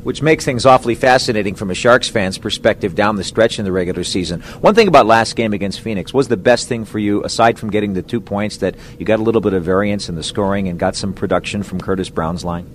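A man hosting a sports radio interview show in a smooth, polished broadcaster's delivery. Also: fairly low pitch, fast talker, few pauses, a little hiss or hum.

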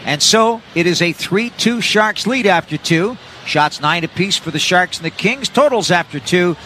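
A North American man calling live ice hockey play-by-play for radio in an energetic, descriptive running style. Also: high voice, moderate pace, slight background noise. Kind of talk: live sports play-by-play commentary.

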